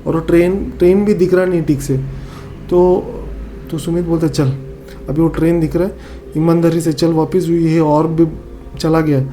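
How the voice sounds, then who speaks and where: Guy w northeast indian accent telling a scary story, kinda high voice, mellow tone, faint hiss behind. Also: normal speed. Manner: animated, acts out friends' lines, many fillers and repeats. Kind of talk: casual spoken horror storytelling.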